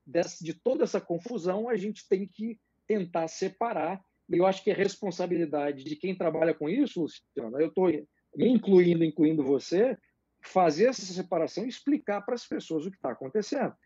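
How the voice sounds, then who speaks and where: A man explaining political ideas as a guest in a live interview, measured and hesitant, with many fillers. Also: high-pitched, lively intonation, mellow, breathy edge, no room sound, muffled recording.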